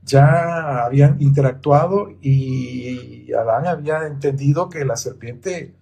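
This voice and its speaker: A man with a gravelly, slightly husky voice talks through a Bible passage. He explains it patiently and methodically, with a warm, mellow tone. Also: mid-range voice, slow pace. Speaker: Bible teacher on a podcast. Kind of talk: explanatory Bible study talk.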